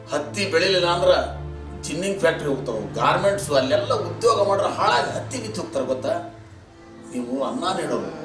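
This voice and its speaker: A sly middle-aged village fixer, played by a man, lectures in a North Karnataka Kannada accent, patronizing and coaxing by turns. His voice sits a bit high and sounds roomy, picked up from a distance with music running behind. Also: natural voice. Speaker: influential villager with bank contacts. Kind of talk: village short film acting.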